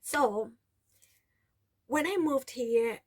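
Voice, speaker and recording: A Kenyan vlogger in her forties, Taita from the coast with Taita as her first language, speaks very slowly in a voice that sits high. Telling her story to camera casually, she rambles, restarts frequently and keeps saying "you know".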